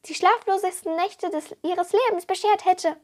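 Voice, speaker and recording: A woman's voice: extremely high pitch, normal speed, voice pushed up. A woman voicing a small, grumpy and boastful male water goblin who curses and brags indignantly. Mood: grumbling. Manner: indignant, cursing, bragging.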